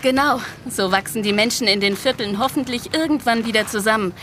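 A woman performs the part of a concerned, friendly Nigerian nun working toward peace in an interactive audio drama, her explanations casual and a touch hesitant. Her voice is a little high and a little fast, fairly bright, lightly acted, with some hiss or hum.

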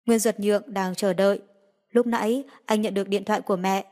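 A woman narrating a romance novel in an even reading voice, lifting her tone slightly for quoted lines. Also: medium pitch, a little fast. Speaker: audiobook narrator.

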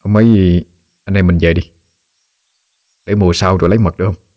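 A man voicing a young honey hunter who speaks low and hesitantly, sounding worried. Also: steady tone, brisk, darkish tone. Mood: uneasy. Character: young male honey hunter, uneasy and serious.

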